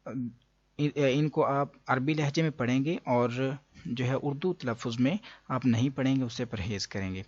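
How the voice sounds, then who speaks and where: A man with a Pakistani Urdu accent teaching Quran reading, explaining patiently and drawing letters out slowly, with many hesitations. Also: mid-range voice, no echo, highs cut off. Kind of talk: explanatory lesson.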